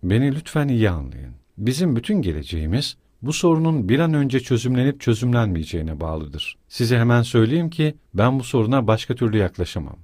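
A man's voice: mid-range voice, very animated, a little mellow, no room sound, clean studio sound. A man reading the lines of a proud young woman, speaking coldly and firmly. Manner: cold, firm, measured.

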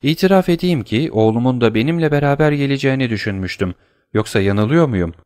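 A man's voice: mid-range voice, animated, fast talker, a little mellow, no echo, studio quality, lightly acted. A man voicing a middle-aged noble mother, tender and pleading with her son.

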